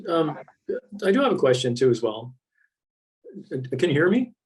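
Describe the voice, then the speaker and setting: A man asking a question over a video call, halting and unsure. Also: a little high, very animated, breathy edge, rough recording. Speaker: audience member asking a question.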